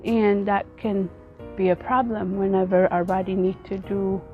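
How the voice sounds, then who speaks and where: A woman from Ethiopia, vlogging outdoors in an earnest, halting way and often repeating her words. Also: mid-range voice, steady tone, dull audio, soft background music. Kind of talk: casual personal vlog talk.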